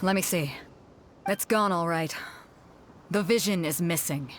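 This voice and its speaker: A woman's voice: lowish voice, a little slow, slight background noise, lightly acted. A woman voice actor playing a bold, brash ship captain hosting a tournament in a video game. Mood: serious.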